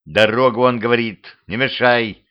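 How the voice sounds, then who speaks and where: Guy doing a gruff watchman, blunt and impatient, muffled homemade audiobook. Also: medium pitch, steady tone, moderate pace, lightly acted. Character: gruff practical cemetery watchman. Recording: dull lo-fi home recording.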